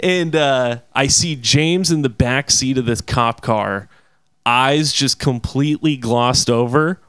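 A young man telling a wild story in a casual, profane, animated way, often laughing between phrases. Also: mid-range voice, slow pace, clear, resonant tone, dry recording.

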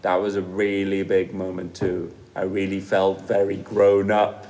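A Dutch-speaking primary school teacher from Flemish Belgium is interviewed by a pupil. He answers thoughtfully and hesitantly, using many fillers. His low voice has a dark tone and a completely flat, slightly slow delivery.

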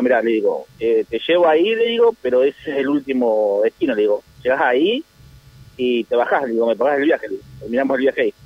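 A man's voice: medium pitch, dry recording. A man with an Argentine Spanish accent tells his story in a rambling way over a tinny, phone-like line. The voice is completely dry, with no room sound at all. He keeps circling back with small tag phrases as he talks. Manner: rambling, repeats "le digo" and "¿viste?". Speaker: taxi driver. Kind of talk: phone interview telling a story.

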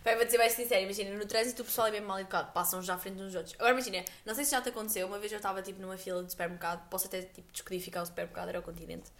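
Very fast-talking young Portuguese woman. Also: mid-range voice, steady tone, reverberant. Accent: European Portuguese. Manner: rapid, rambling anecdotes with many fillers. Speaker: podcast co-host. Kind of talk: casual chat.

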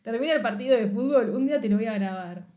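A woman's voice: on the high side, animated, fast talker, mellow. A woman with a Rioplatense Spanish accent, co-hosting a podcast in casual chat and often laughing through her words. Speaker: podcast co-host.

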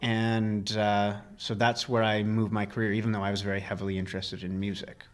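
A man's voice: fairly low pitch, little pitch movement, fairly quick. A man in his early thirties, an interview guest, casually recalling his past in a garage. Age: early 30s. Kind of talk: casual personal recollection. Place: recorded in a friend's garage during a barbecue.

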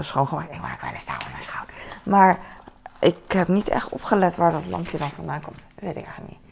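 A woman's voice: low voice, creaky, darkish tone, slight background noise. A woman chatting casually to camera at home in her kitchen, rambling with many fillers and asides to herself. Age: adult with a son. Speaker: vlogger. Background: dishes and cutlery clatter.

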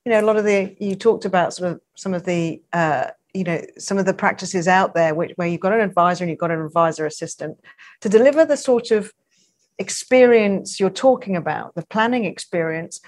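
A woman hosting an interview, giving brief encouraging backchannels and asking questions in a halting way. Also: fairly low pitch, a little mellow. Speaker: host. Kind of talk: conversational interview.

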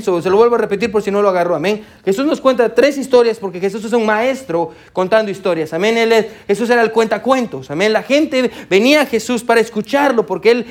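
High-voiced pastor man, animated storyteller. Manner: animated storytelling, frequent "amén" and "hermano", mixes in English words. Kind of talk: sermon with personal anecdote. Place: church.

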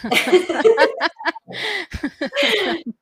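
A woman's voice: very high-pitched, big pitch swings, drawn-out words, a bit bright. Joking, laughing woman in a roomy space. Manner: laughs often, loose and joking. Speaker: guest philosopher answering questions. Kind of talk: casual chat. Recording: roomy echo with faint noise.

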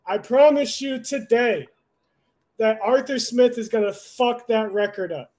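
A young man with a high-pitched voice co-hosts a casual sports podcast. He rants in a heated, profane way, swearing freely as he vents. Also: unhurried, a little mellow. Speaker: podcast co-host.

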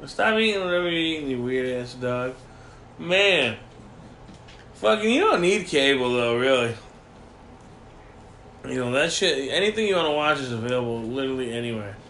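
A man's voice: medium pitch, expressive, normal speed, long pauses, a bit bright, echoey room, slight background noise. A man co-hosting a casual podcast chat from home, profane and rambling, laughing often, while nursing a broken foot. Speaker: podcast co-host. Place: home room with a dog nearby.

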